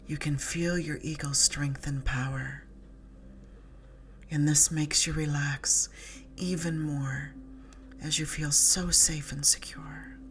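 A woman narrates a sleep story in a low, breathy voice. She moves very slowly through a guided relaxation, soothing and hushed, letting phrases fade softly toward a whisper. Music with a gentle drum beat plays clearly behind her. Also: steady tone. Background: slow music with drum beat.

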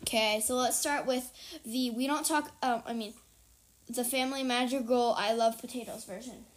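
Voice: medium pitch, steady tone, normal speed. A child podcast host in natural, unscripted talk, playful and rambling, often repeating words. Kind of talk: natural unscripted talk with improvised silly karaoke singing.

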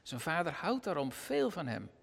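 A man preaching a sermon after a Bible reading, with an expressive delivery and a gravelly voice. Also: normal speed, long reverb tail. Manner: expressive, with wide pitch swings.

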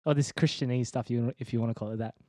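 Young man, church leader sharing his testimony, casual and slangy, mid-pitched, dry close sound. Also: steady tone, darkish tone, dry recording. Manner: laid-back and slangy, calls the listener dude and man; halting, many ums and restarts. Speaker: interview guest, church leader. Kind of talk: personal faith testimony in casual chat.

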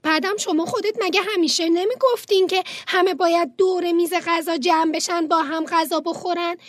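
A woman's voice: extremely high pitch, fairly even intonation, no room sound, clean studio sound. A woman playing a chatty, cheeky teenage girl who keeps talking back, in a comic radio play. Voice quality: pushy, whiny, talks back. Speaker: daughter in family audio drama.

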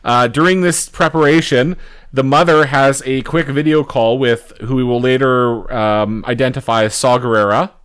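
A man's voice: mid-range voice, fairly even intonation, normal speed, a bit bright, smooth. A man co-hosting a casual movie review chat, recapping scenes in a laid-back way with fillers and casual swearing. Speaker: podcast co-host.

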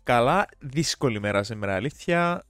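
A man's voice: mid-range voice, expressive, fairly bright tone, no echo, faint music behind. Cypriot Greek man chatting, dry close sound. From Cyprus. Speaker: podcast co-host. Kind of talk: casual chat.

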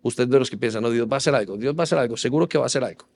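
A man's voice: medium pitch, rapid-fire, creaky, a little mellow, in a large hall. A man preaching a sermon as pastor, earnestly addressing his listeners with direct questions. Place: church hall.

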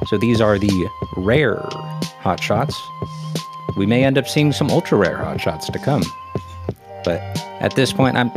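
Man, low pitch, music clearly behind him, relaxed host. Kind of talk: casual chat.

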